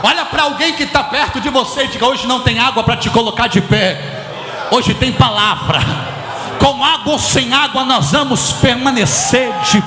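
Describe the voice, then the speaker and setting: A man with a Brazilian Portuguese accent preaching a sermon as pastor, moving between shouting and hushed speech. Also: very high voice, moderate pace, crowd noise. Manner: impassioned, swings from shouting to hushed. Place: church hall. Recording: echoey church hall with music.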